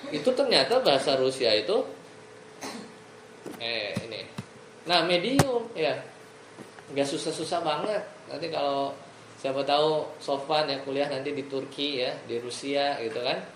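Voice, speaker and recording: A man's voice: on the high side, animated, measured pace, long pauses. Male teacher, conversational classroom delivery, asks the class questions, echoey room. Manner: chatty, asks the class questions, explains step by step. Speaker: religious teacher. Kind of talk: casual classroom lesson. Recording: echoey room with faint ambient noise.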